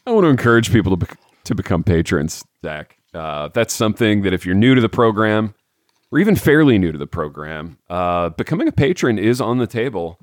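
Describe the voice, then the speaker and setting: A man co-hosting a podcast in casual chat, laid-back and drawn-out, trailing off quietly, and short on sleep. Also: on the low side, big pitch swings, dry recording, studio quality. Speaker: podcast co-host.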